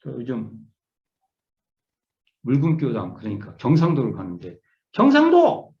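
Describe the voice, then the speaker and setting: Middle-aged guy teaching scripture, high voice, repeats words, echoey muffled room. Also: big pitch swings, normal speed. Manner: repeats key words, hesitant restarts, musing explanations. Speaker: Won Buddhist minister teaching scripture. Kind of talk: online scripture lecture. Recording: echoey room, dull lo-fi sound.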